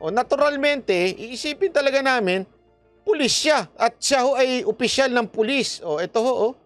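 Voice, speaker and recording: High-voiced male vlogger commenting on news. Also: moderate pace, no room sound, soft background music. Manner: animated, talks to officials directly, laughs at his own jokes. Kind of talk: casual news commentary vlog.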